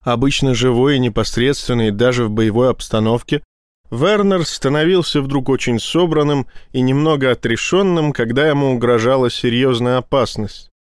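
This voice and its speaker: A man reading a tense science fiction audiobook in a steady storytelling voice. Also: medium pitch, normal speed, smooth, no echo, clean studio sound. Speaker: audiobook narrator. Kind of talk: scripted narration.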